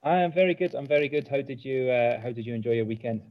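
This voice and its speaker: A man's voice: mid-range voice, fast talker, lo-fi sound. A man hosting a live fan podcast in a chatty, self-deprecating way. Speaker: podcast host.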